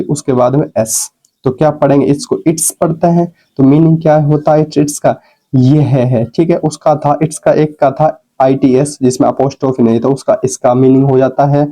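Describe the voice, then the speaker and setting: Dark-voiced man teaching English vocabulary. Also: mid-range voice, low-quality recording. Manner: explains step by step, asks and answers his own questions; spells words out letter by letter. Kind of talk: spoken English lesson. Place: recorded while scrolling through on-screen notes.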